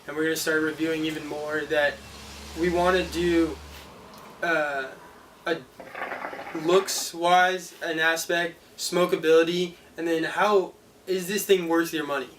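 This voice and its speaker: Man, casual reviewer, rambling explanations, fairly flat intonation, far from mic, clear noise. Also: a little high, measured pace. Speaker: product reviewer, host. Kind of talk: casual chat, informal product review. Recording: distant mic, clearly noisy background.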